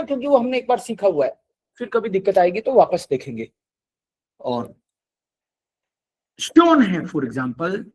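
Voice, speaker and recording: A man's voice: sits high, rough recording. A man teaching a German class, patiently explaining grammar and mixing in English words. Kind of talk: classroom lecture.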